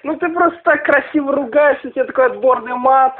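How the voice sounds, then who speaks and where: A man making a prank call, casually needling with halting questions. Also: very high voice. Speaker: prank caller. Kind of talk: casual, needling phone chat. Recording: noisy, tinny phone line.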